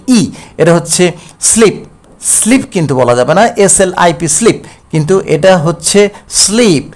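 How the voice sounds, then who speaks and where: A male English teacher from Bangladesh with a Bangladeshi accent and Bengali as his first language. He explains a textbook lesson slowly and deliberately, with frequent hesitation sounds, and reads English instructions before translating them. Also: high voice, a little mellow.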